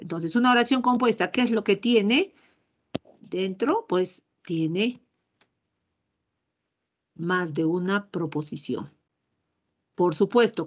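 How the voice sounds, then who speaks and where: A woman teacher walks a class through grammar in a patient, explanatory way, pausing to check in with quick tag questions. Her delivery is unhurried and her voice sits on the low side. The recording is a little dull and lo-fi.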